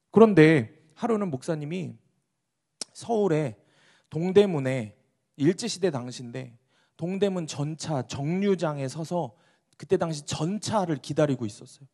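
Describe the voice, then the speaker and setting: A male pastor preaches a sermon and tells its story dramatically, moving between loud bursts and hushed passages. His voice sits a little high for a man and carries a gravelly fry. He addresses the congregation directly.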